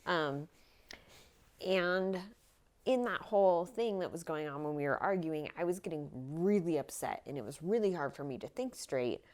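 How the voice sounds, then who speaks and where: A young woman in casual podcast chat with her partner, reflective and soft-spoken. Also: low voice, expressive, moderate pace. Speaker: podcast co-host.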